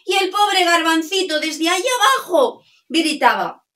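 Middle-aged woman, children's storyteller, high voice, slow sung delivery. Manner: animated, sings and coaxes listeners to join in. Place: home.

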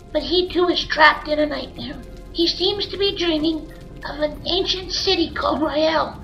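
An actor voicing a small, earnest, naive monkey adventurer with a squeaky voice, in old-time radio drama style. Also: creaky, highs cut off.

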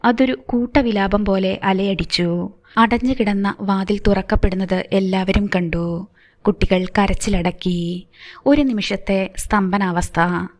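Audiobook narrator: a woman, middle pitch, measured and expressive delivery. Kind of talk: scripted story narration.

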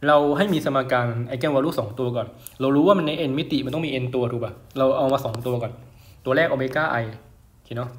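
A man's voice: medium pitch, fairly quick. A young man tutoring physics in a casual, chatty way, often checking in with his listeners. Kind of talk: casual lecture over a whiteboard. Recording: roomy echo.

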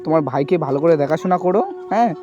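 A man who talks to a young woman in a gentle, reassuring way and keeps asking "okay?". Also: a little high, rapid-fire. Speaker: charity video host. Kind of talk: staged outdoor conversation. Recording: dull lo-fi sound with music behind. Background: background music.

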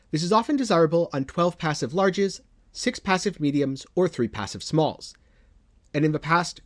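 Here a man presents scripted news on his gaming channel, speaking in a measured style. Each phrase finishes on a low, dramatic drop.

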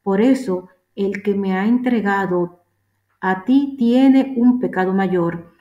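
Calm, authoritative male teacher read by a woman, measured, roomy echo. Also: mid-range voice, lo-fi sound, lightly acted.

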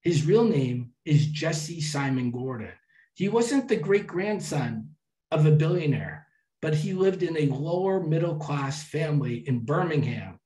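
A man's voice: fairly high pitch, animated, unhurried, warm tone. A man giving a public talk to an audience and telling travel stories in a chatty way, with some restarts. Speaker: travel speaker. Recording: echoey hall from far off.

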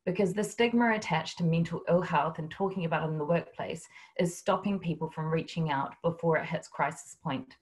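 Over a video call, a woman with a New Zealand accent gives a humorous webinar talk as a guest speaker, telling stories about workplace stigma. Her voice is lowish and a little mellow.

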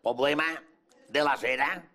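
Performing in character as a bragging would-be latin lover, a man with a Mallorcan accent does stand-up comedy for a live café audience, who laugh in the background. His medium-pitched voice is sharp and a little slow.

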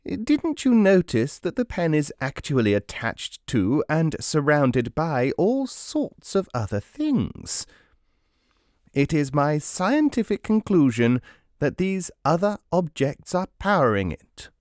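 A man's voice: on the high side, very animated, slow pace, a little mellow, no room sound, studio quality, voice pushed up. A man voicing a pompous, know-it-all ant who lectures in a condescending, pedantic way in a storybook reading. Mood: lecturing, smug. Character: pompous know-it-all ant, fussy self-appointed scientist.

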